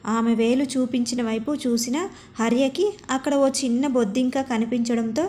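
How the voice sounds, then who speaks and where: A woman storyteller reading a scripted family story in a steady, expressive way. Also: fairly high pitch, moderate pace.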